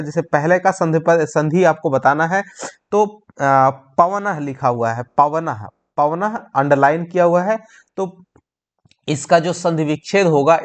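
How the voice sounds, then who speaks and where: A man teaching an exam-prep lesson, explaining each answer step by step and checking in with "right?". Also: fairly high pitch.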